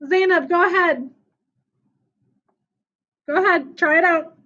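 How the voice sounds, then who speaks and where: High-voiced encouraging woman teacher online. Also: slow, sharp tone. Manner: upbeat, encouraging, speaks to children. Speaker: elementary school teacher. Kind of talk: online class lesson. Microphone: video call. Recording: dull lo-fi video call audio.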